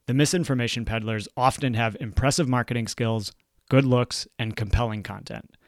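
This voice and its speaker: A man, a dermatologist, reading aloud from his own book in a dry, wry and measured way. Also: mid-range voice, fairly even intonation, no room sound.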